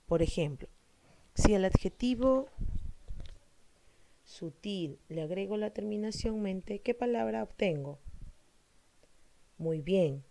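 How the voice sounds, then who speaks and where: A woman teacher explaining a grammar lesson slowly and deliberately, asking her pupils questions and then answering them herself. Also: lowish voice, noisy background.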